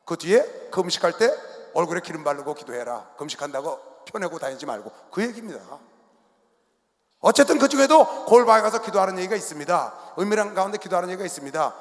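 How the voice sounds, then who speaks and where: A male pastor preaching a sermon, swinging between loud shouting and quiet, low asides. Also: expressive, fast talker. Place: large sports arena. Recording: long hall reverb from arena.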